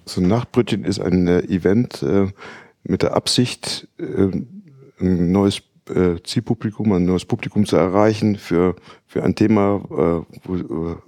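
A man who owns a gallery talks in a measured way, pausing often. His voice is very deep and gravelly, and the sound is dry. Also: darkish tone, no echo. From Netherlands. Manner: measured, hesitant. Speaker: gallery owner. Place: art gallery.

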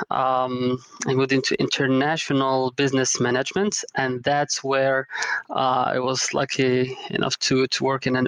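A man from Morocco answers podcast questions with many pauses and "um"s. His mid-range voice sounds close and dry, with no room echo. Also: mid-range voice, gravelly, a bit bright. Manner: hesitant, many "um" fillers and restarts. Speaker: guest, travel startup co-founder. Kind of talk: casual interview conversation.

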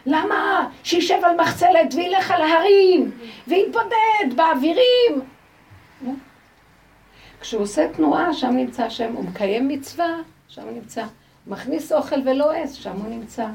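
A woman gives an animated religious lecture in a high voice, often turning to her listeners with rhetorical questions. She is caught from some distance off the mic. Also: gravelly. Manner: expressive, rhetorical questions to the audience. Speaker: Torah teacher.

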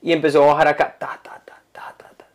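A man's voice: a little high, quick pace. A man, co-hosting a casual comedy podcast, telling stories animatedly and reading out fan comments. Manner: animated storyteller, mimics others, reads fan comments. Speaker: podcast co-host. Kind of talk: casual comedy chat, storytelling.

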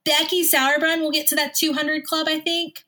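A woman chatting casually and analytically about sports as a host, with a smoker's cough and frequent throat clearing. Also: sits high, little pitch movement, normal speed, pushed and bright. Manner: analytical, recites player statistics. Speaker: sports talk show host.

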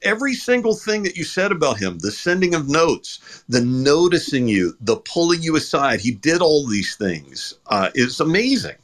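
A man co-hosting a chat show about radio, an enthusiastic and animated storyteller. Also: on the high side, normal speed, hardly any pauses. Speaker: co-host.

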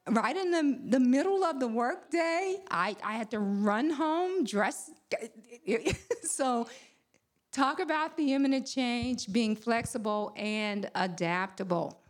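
A woman presenter giving a conference talk, measured and often pausing on fillers and restarts. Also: on the high side, expressive. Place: convention hall.

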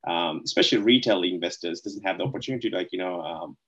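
A man's voice: low voice, fast, a bit bright, highs cut off. A man from Sri Lanka, chatting casually as an interview guest and rambling with lots of "like, you know".

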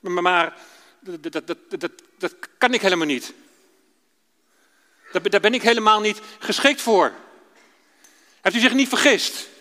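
Man acting out a jittery stuttering old prophet in a storybook sermon, high and bright, long church echo. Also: normal speed, pauses often. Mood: anxious. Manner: stammering, repeating words. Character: timid stammering old male prophet, unsure of himself.

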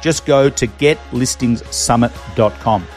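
A man's voice: medium pitch, measured pace, a little mellow, soft background music. A man hosting a podcast, delivering a scripted introduction to the episode. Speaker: podcast host.

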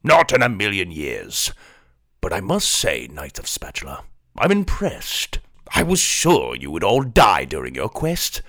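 A man's voice: sits low, huge pitch swings, unhurried, sharp tone, no room sound, studio quality, voice pushed down, full character voice. A man voicing a stingy, grumpy old king in a children's audio drama, speaking in a pompous, grudging way.

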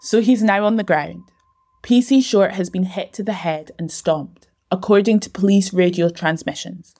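A woman giving scripted documentary narration in a measured, even way. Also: medium pitch.

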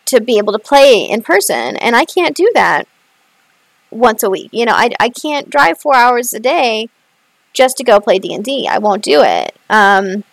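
A woman co-host talking in a loose, excitable way, her fairly high voice rising and falling sharply as she thinks out loud. The mic is close and dry, with no room sound around her. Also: moderate pace, vocal fry, no echo, rough recording. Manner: chatty, lots of fillers, big pitch swings. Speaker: podcast co-host. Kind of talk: casual chat. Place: rural area, far from a city.

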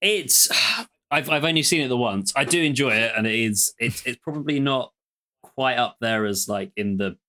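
A man in a casual podcast chat, speaking hesitantly with many pauses and restarts. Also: mid-range voice, sharp tone.

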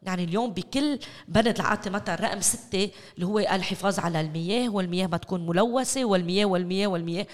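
A woman with a Lebanese Arabic accent talks quickly in an interview discussion. She stresses her points by repeating words. The recording carries the long reverb of a hall. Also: mid-range voice. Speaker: interview guest, local development expert. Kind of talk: animated discussion.

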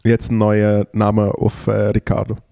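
Mellow-voiced Swiss German man, bantering casually. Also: fairly low pitch, completely flat delivery, moderate pace, creaky. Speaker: podcast co-host.

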